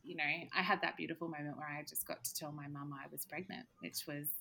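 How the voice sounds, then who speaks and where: A woman in her thirties tells her story as a guest on a remote call. Her voice is bright and ringing. She talks casually and animatedly, laughing often. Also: deep voice, fairly even intonation, fast talker, vocal fry, slight background noise. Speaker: podcast guest.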